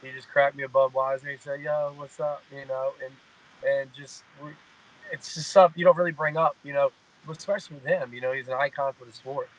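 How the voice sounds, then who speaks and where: A man's voice: medium pitch, fairly even intonation, brisk, fairly bright tone, highs cut off. A man in his mid-thirties, a fighter, talking in a casual interview, rambling and repeating "you know what I mean". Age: 30s. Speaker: guest fighter.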